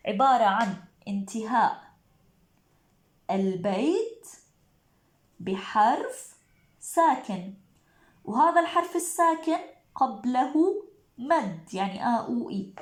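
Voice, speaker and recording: Speaking with a Levantine Arabic accent in a fairly high voice, a woman teaches poetic meter to exam students. She raises her own questions, answers them, and chants the syllables slowly, with the sound reverberant.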